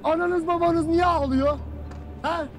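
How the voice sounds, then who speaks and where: An actor playing a stern army commander who harshly berates his troops, often shouting. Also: very high-pitched, fairly even intonation, unhurried. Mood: furious. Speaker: military commander. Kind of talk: dramatic film acting.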